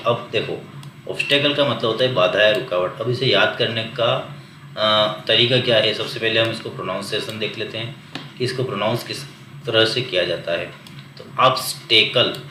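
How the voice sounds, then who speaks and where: A man's voice: on the low side, sharp tone, slight background noise. Man teaching English vocabulary, echoey room. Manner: repeats memory tricks over and over, explanatory. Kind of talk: vocabulary lesson in Hindi.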